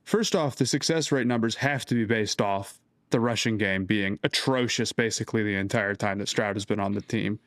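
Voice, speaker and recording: A man's voice: on the low side, moderate pace, hardly any pauses, dry recording, studio quality. A man co-hosting a casual sports podcast, making his case point by point. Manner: reasoned, point-by-point arguing. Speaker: podcast co-host.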